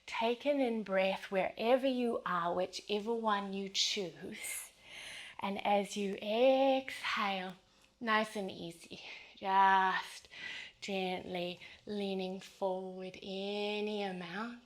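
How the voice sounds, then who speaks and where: A woman leading a yoga flow as instructor, giving breath cues in a steady, measured, gentle cadence. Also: mid-range voice.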